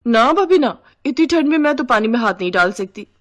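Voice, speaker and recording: A woman voicing a lazy young sister-in-law in a cartoon story, whiny and loud. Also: fairly high pitch, animated, fairly quick, voice pushed up, close to an everyday voice. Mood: whining.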